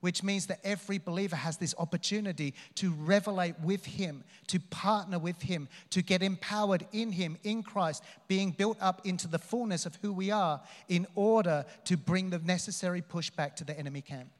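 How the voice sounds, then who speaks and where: A man with a fairly high voice delivers a charismatic sermon as motivational speech. He exhorts the congregation emphatically, repeating phrases for weight. Long hall reverb trails his words. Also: normal speed, few pauses. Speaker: preacher. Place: large reverberant room, speaking live to a congregation.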